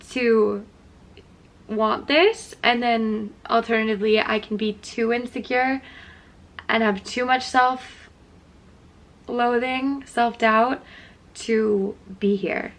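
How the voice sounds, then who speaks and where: A young woman vlogs casually to her camera, her nose stuffy and sniffly as she talks candidly and reflectively. Her voice sits a little high and sounds a bit bright. She questions herself and tends to trail off.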